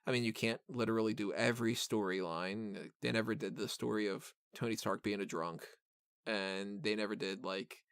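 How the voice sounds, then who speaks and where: A man's voice: fairly low pitch, fairly even intonation, moderate pace, fairly bright tone, clean tone, dry recording, studio quality. A man hosting a podcast and talking casually about films in a rambling, informal, mildly profane fan style. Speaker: podcast host reviewing films. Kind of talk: casual film discussion.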